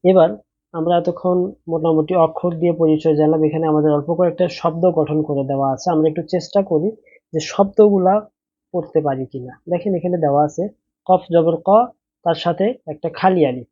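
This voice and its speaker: A man's voice: a little high, steady tone, a little fast, no room sound, phone-quality sound. Patient Bangladeshi man teaching letter by letter. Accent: Bangladeshi Bengali. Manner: patient, methodical, repeats each letter and vowel sign. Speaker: Quran reading teacher. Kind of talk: step-by-step spelling lesson.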